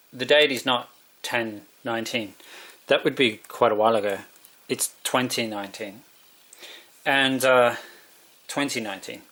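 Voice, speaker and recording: A man rambles to camera in a loose, musing monologue. He drifts between thoughts and stops to correct himself. His voice sits at an everyday mid pitch. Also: sharp tone. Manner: musing, meandering, self-correcting. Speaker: vlogger.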